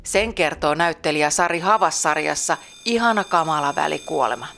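A woman's voice: low voice, animated, vocal fry, fairly bright tone, faint music behind. A woman presenting program tips in a playful, teasing scripted narration.

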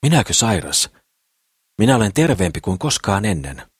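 A man's voice: on the low side, big pitch swings, slightly rough, no echo, studio quality, pitched above the performer's own voice. A man voicing a naive, idealistic dwarf who sounds bewildered and boastful.

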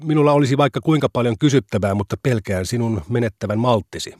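A man's voice: mid-range voice, darkish tone, no echo, studio quality, natural voice. A man reading a pushy, goading provoker. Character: pushy, mocking young male provoker.

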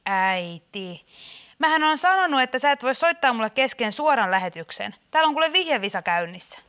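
A woman's voice: on the high side, big pitch swings, clear, resonant tone. A woman playing an exasperated radio quiz host who keeps catching her mother on the line. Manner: bright presenter patter, scolding. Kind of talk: radio comedy sketch.

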